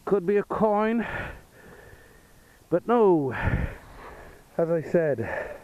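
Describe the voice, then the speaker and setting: A man's voice: sits high, lively intonation, extremely slow, a little mellow, smooth. A man giving casual, hesitant field commentary as a metal detecting host, musing aloud outdoors. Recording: muffled audio with outdoor background noise.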